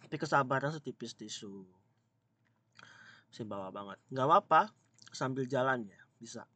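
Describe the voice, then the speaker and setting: A man with a medium-pitched, expressive voice that sounds pushed and bright teaches an online Mandarin grammar class. He slowly draws out his example sentences and chats with his students, his throat a little itchy.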